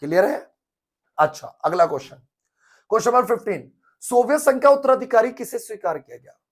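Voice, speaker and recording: A man teaching an exam revision lesson, quizzing and repeating answers in a lively manner. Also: very high-pitched, fairly quick.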